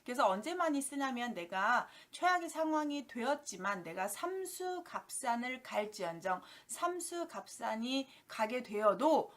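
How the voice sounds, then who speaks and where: A middle-aged woman teaching Chinese-character idioms, slowly drawing out each character's meaning as she explains. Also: a little high, a bit bright. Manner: drawn-out, deliberate reading of character meanings. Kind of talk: educational explanation.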